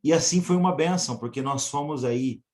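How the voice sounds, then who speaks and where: A male missionary telling his church about his calling in an earnest, measured way. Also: fairly high pitch, a little mellow. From São Paulo state, Brazil. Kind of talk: church testimony.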